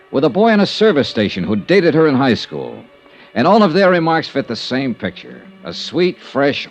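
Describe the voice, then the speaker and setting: In a vintage 1950s radio detective drama with music, a male actor plays a shrewd, courteous American insurance investigator narrating in the first person. His medium-pitched voice is clipped, probing, and smooth in hard-boiled style, with a wry narrating mood. The audio quality is poor.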